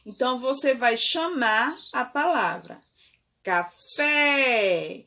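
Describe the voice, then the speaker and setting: Brazilian woman primary teacher, unhurried, drawn-out words, keeps checking the kids follow. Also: on the high side, lively intonation, fairly bright tone, slight background noise. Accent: Brazilian Portuguese. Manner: slow, deliberate, stretches key words, frequent "certo?" and "ok?". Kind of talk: remote classroom lesson.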